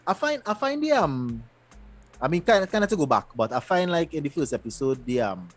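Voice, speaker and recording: Animated man recapping a show. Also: fairly high pitch, brisk, faint music behind. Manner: animated, loose storytelling with repeated restarts. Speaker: podcast co-host. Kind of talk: casual show recap chat.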